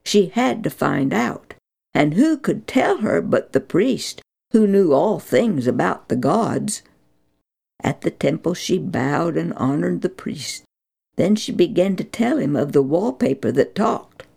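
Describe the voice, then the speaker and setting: A woman narrating a children's Bible story, reading slowly and with expression. Her voice rises and falls a great deal and has a strongly gravelly, creaky texture. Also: on the low side, lively intonation, a little mellow.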